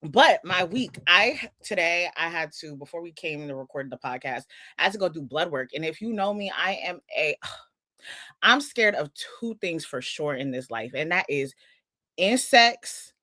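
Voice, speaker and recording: Young woman, podcast co-host, casual animated storytelling, bright voice, dry close sound. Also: sits low, measured pace, dry recording. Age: 20s. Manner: animated storytelling, acts out dialogue. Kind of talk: casual chat.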